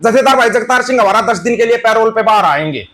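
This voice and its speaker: A man's voice: high voice, expressive, quick pace, fairly bright tone. A man doing a political commentary vlog, reading news items aloud and scolding their authors, calling his viewers brothers.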